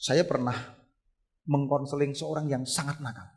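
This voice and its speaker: A middle-aged man preaching a sermon at a church service, swinging between loud fervent exclamations and quiet storytelling. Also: medium pitch, fairly even intonation, moderate pace. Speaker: pastor.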